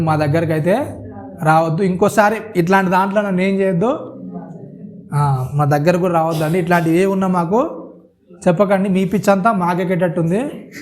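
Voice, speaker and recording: High-voiced preacher quizzing his flock. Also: steady tone, fairly quick, long pauses, darkish tone. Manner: asks the congregation questions, repeats "isn't it so?". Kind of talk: sermon.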